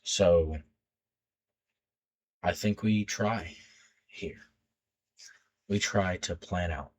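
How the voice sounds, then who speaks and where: Teen guy with a low deep voice, rambly unscripted vlog talk, stutters and restarts a lot. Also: steady tone, extremely slow. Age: late teens. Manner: stutters when nervous, rambling with many restarts. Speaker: YouTube creator.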